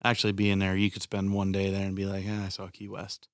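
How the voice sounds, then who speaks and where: A man's voice: sits low, monotone, quick pace, slight background noise. A man on a casual podcast chat, plain-spoken and opinionated.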